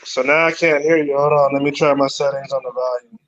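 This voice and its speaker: A man talking in an easygoing, halting way as a guest on a casual interview, heard over a choppy phone video-call connection that cuts out. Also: mid-range voice, steady tone, a bit bright. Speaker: guest, python breeder. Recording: dull lo-fi phone audio cutting out.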